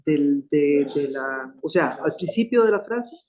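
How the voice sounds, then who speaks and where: Hesitant, high-voiced man asking a question. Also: animated, measured pace, dull audio, crowd noise. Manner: hesitant, searching for words. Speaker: student.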